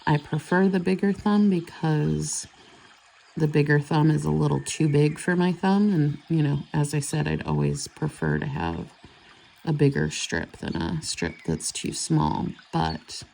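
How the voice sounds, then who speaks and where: A woman chats casually while doing her nails, rambling, chatty and correcting herself as she goes. Her low voice is creaky and warm at a measured pace, with a little hiss or hum.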